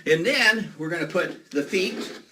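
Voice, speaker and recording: Male kids party magician, higher-voiced, playful and exclamatory patter for children, noisy distant recording. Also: lively intonation, a little slow, sharp tone.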